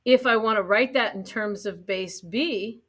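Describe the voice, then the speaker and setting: A woman's voice: mid-range voice, unhurried. A woman teaching a math class in a casual lecture, often checking in with her students and adding light jokes. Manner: casual, keeps checking in with "right?"; light joking asides to students.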